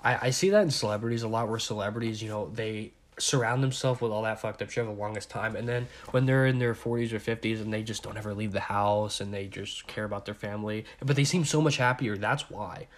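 A man's voice: on the low side, quick pace, few pauses. A man in his twenties talks alone into his podcast mic in a loose rant. He repeats himself and swears freely. He is sick with covid and a little short of breath. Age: 20s. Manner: rambling, profane, repeats himself. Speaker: podcast host.

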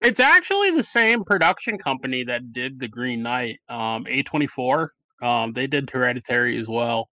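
A man hosting a podcast chat about a film, wandering through his thoughts with plenty of ums and likes. His voice is bright and forward, and the recording is close and dry with no room sound. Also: medium pitch, very animated, normal speed, few pauses, dry recording, rough recording. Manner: rambling, many fillers and restarts. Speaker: podcast host. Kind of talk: casual movie review chat.

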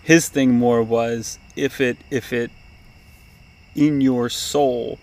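Halting, rambling man co-hosting a podcast. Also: medium pitch, steady tone, a little mellow. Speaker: podcast co-host. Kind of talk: casual podcast conversation. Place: backyard, outdoors.

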